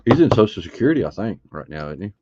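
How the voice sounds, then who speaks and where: Deep-voiced man chatting during a card break. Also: sing-song, quick pace, lo-fi sound, very noisy. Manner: chatty, thinks aloud while opening card packs. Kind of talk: casual live stream chat.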